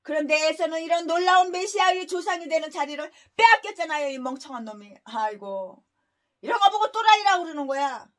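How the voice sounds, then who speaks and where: A woman's voice: extremely high pitch, expressive, brisk. A woman pastor preaching a sermon in a harsh, scolding way, firing off rhetorical questions and crude insults. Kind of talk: expository sermon.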